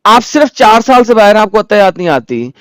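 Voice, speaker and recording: High-voiced guy grilling a caller in a live debate stream, crisp smooth voice, kinda mocking. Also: big pitch swings, quick pace, fairly bright tone, dry recording. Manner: pressing, cross-examining. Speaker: debate co-host. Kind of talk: live online religious debate.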